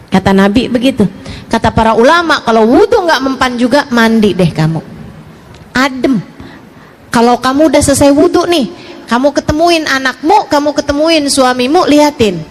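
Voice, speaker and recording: Woman, preacher, high voice, lively sermon, soft asides and bright questions, acts out dialogues, faint background noise. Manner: animated, swings between soft low asides and bright raised questions; plays out quick imagined dialogues with listeners. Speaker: female preacher.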